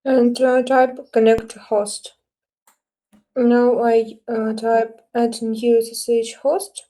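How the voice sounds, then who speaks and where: A woman walking through her screen in a live tutorial, halting and full of filler sounds as she searches for English words. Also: on the high side, level tone, mellow. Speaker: student presenting her work.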